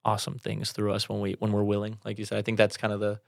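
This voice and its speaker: A man's voice: fairly low pitch, completely flat delivery, fast, creaky, no room sound, studio quality. A man taking part in a casual Bible discussion, upbeat and joking, laughing often. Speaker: discussion guest.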